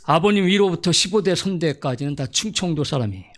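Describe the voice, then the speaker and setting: A man's voice: fairly high pitch, expressive, a little fast, a bit bright. A middle-aged man from Gyeonggi Province preaching a Sunday sermon as pastor, telling folksy, humorous stories and acting out dialect quotes. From Gyeonggi Province, South Korea.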